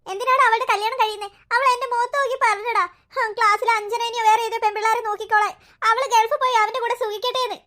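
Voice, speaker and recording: Voice actor doing lovesick cartoon young man, weepy and stubborn, high bright voice. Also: fairly even intonation, quick pace, few pauses. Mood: heartbroken. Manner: sobbing, pleading, insistent.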